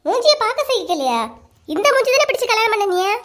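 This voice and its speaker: A woman with a Kanyakumari Tamil accent voicing a sharp-tongued young wife who bickers with her husband in a cartoon story. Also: high-pitched, fast talker, lightly acted. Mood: indignant. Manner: bickering, teasing, indignant.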